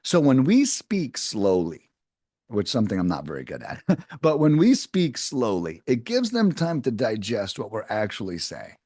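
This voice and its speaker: Lively male sales coach. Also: mid-range voice, moderate pace, breathy edge, no room sound, clean studio sound. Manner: energetic, coaching, animated delivery. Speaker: sales trainer. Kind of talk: instructional talk with role-played call examples.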